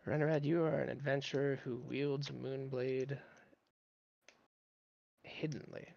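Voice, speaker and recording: A man's voice: mid-range voice, steady tone, a little slow, gravelly, a little mellow, dry recording, highs cut off. A man voicing a curious, courteous male gnome adventurer who speaks formally and earnestly. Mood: earnest, admiring.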